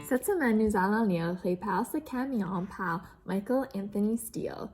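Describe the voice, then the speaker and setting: A woman librarian hosting a children's storytime, reading a picture book aloud in a slow, gentle manner from home. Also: mid-range voice, lively intonation, loud music behind the voice.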